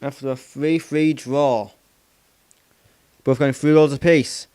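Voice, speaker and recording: A man's voice: mid-range voice, fairly even intonation, slow pace, warm tone, clean tone, dry recording. A man hosting a football channel, giving a casual results recap with many "of course"s and frequent stops to correct himself. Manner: rambling, self-correcting, repeats "of course".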